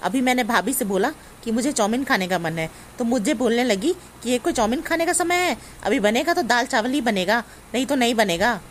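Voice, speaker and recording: Lady playing a spoiled bossy daughter, whiny and accusing, highish voice. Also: expressive, a little fast, hardly any pauses, a little hiss or hum, lightly acted. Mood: sulky. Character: spoiled, demanding grown daughter visiting home. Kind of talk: family comedy skit acting.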